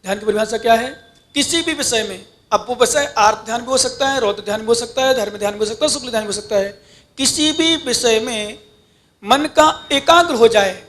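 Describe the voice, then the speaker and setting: A man's voice: very high-pitched, brisk, a bit bright, a little hiss or hum. A man, a Jain monk, giving a devotional sermon, pleading prayerfully and questioning his listeners directly. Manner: addresses listeners directly with instructions.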